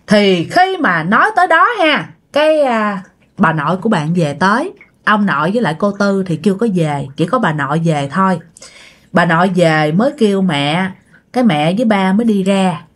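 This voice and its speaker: A woman's voice: medium pitch, animated, moderate pace. Chatty woman storyteller. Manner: chatty, addresses listeners directly. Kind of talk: casual ghost story telling.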